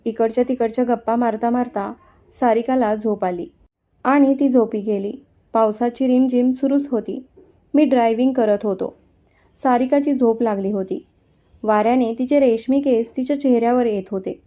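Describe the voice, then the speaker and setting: Woman storyteller, slightly high, dull sound. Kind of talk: first-person story narration.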